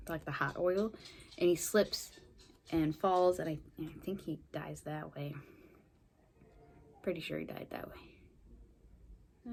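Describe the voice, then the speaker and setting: A woman's voice: on the low side, creaky, darkish tone, slight background noise. A woman casually recapping a movie's plot in a chatty way, with lots of fillers, laughing often. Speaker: movie podcast host.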